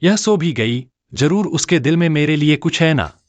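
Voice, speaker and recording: A man's voice: fairly high pitch, lively intonation, normal speed, natural voice. A man playing an arrogant, bossy young rich husband in a dubbed short drama, talking in a boastful, domineering way. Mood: smug. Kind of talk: Hindi dub of a short drama.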